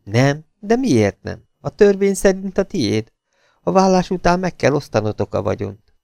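A man voicing a jealous, scheming young woman who pleads and wheedles, in a gravelly voice. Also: on the high side, sing-song, a little mellow, no room sound, clean studio sound, voice pushed up. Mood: wheedling.

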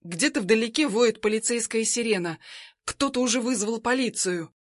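A woman narrating a novel in the first person in a steady, lightly dramatic reading style. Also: fairly high pitch, normal speed, no room sound, clean studio sound. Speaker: audiobook narrator.

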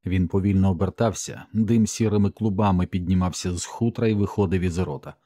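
A man narrating an audiobook in a measured, somber storytelling manner on a close mic. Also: sits low, fairly even intonation, warm tone, no room sound.

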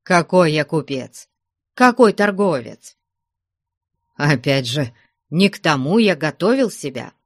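A meek young believer answers in sighs and hushed protests, as a male narrator acts him out. The delivery is slow and sits dry and close to the mic. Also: fairly high pitch, very animated, dry recording, full character voice. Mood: pleading. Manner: sighing, half-whispered. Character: meek pious young man, timid.

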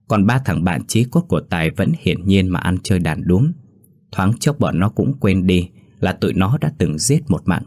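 A man narrating a horror story in a steady, even storytelling manner. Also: low-pitched.

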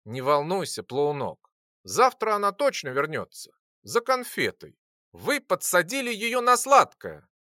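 A wry male alchemist teacher, patient and ironic, lecturing with a lively, swinging intonation, as an audiobook reader plays him. The voice is bright and close, with a dry sound. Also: high voice, measured pace, no room sound, pitched above the performer's own voice, exaggerated voice. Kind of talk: audiobook character voice.

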